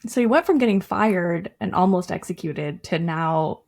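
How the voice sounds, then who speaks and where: A woman's voice: on the low side, expressive, normal speed, creaky, darkish tone. A woman co-hosting a podcast, chiming in with wry, joking remarks. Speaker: podcast co-host. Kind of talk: casual chat.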